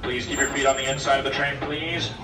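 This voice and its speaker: A man calls out polite, firm safety instructions over an outdoor loudspeaker, repeating himself patiently. His voice rings out with a roomy echo and sounds distant from the mic. His pitch sits at an ordinary middle level for a man. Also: level tone, brisk, over music. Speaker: train conductor. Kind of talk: live safety announcements. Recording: echoey loudspeaker heard from afar.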